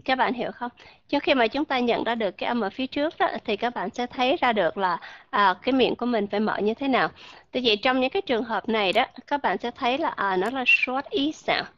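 Bright-voiced woman teaching pronunciation. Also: fairly high pitch, no room sound, muffled recording. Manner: explains slowly, models English sounds, asks learners questions. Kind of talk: online pronunciation class.

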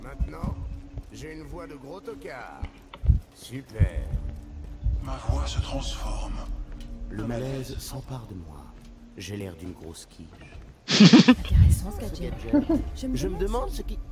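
A woman voicing a video game hero whose voice is warped by a voice modulator, sinking lower and lower. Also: very animated, a little slow, long pauses, loud music behind the voice, exaggerated voice. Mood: dismayed. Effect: voice modulator that morphs and deepens the voice. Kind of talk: dubbed video game dialogue.

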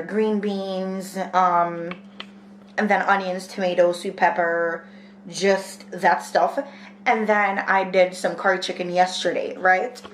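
She's a Jamaican woman in her twenties, casually vlogging indoors between a small kitchen and a spare room. Her talk wanders, she thinks aloud, and fillers are everywhere. The medium-pitched voice comes with slight background noise.

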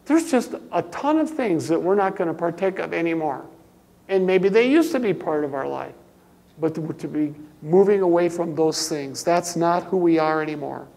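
An older man, a pastor preaching a sermon, emphatic, dropping to quiet asides and rising to loud exclamations. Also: a little high, gravelly, in a large hall.

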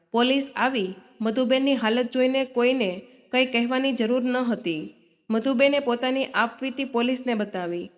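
Woman storyteller with a higher voice. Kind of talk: scripted story narration.

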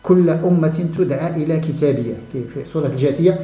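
Fast, fervent Moroccan man in echoey room. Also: fairly high pitch, warm tone. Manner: fervent and mocking, repeats phrases, breaks into scornful laughter. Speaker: channel host giving commentary. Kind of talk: impassioned monologue.

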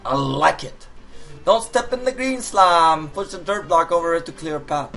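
A gaming video host gives casual let's-play commentary on a puzzle game, reading on-screen hints aloud and letting out jokey outbursts in an animated way. His voice is on the high side with vocal fry and a normal speed, and faint music plays in the background.

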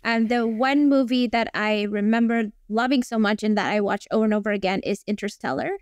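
A woman's voice: on the high side, fairly even intonation, a little fast, clear, resonant tone, no room sound. A woman from Indonesia, in her forties, a guest professor talking over a video call with many ums. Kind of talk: casual interview.

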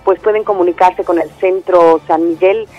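A lowish, fairly evenly intoned female voice talks at normal speed in a dry recording with soft background music. She's a theatre company director from Andalusia, Spain, whose Spanish accent has a Mexican flavor. Speaking enthusiastically in a phone interview over a muffled line, she fills pauses and restarts often.

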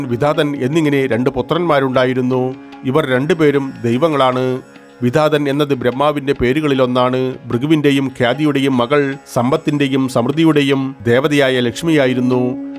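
Guy narrating old myth stories, steady even read, middle pitch, soft music behind. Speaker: storyteller. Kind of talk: scripted narration of scripture stories.

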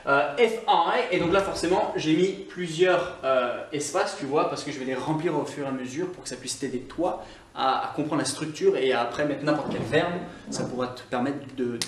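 A man's voice: a little high, a little hiss or hum. Scottish man teaching in echoey room. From Scotland. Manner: explanatory, stresses example words slowly. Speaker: online English teacher. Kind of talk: French-language English grammar lesson. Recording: echoey room, somewhat far from mic.

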